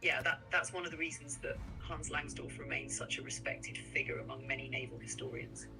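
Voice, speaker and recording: An AI voice assistant calmly explaining history in chat answers, reading out web links. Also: mid-range voice, distant mic, over music, poor audio. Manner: measured, reads out links.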